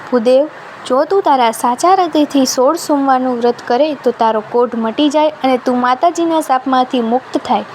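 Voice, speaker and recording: A woman voicing a calm, benevolent god granting a boon in a devotional storybook tale. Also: high-pitched, moderate pace, slight background noise, natural voice. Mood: kindly.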